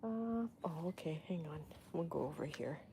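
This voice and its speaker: A woman's voice: low voice, animated, moderate pace, background noise. A woman hosting a casual livestream, chatting in a rambling, fond way as she walks through her garden with her phone. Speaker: host. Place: outdoors in a garden. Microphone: phone held in hand.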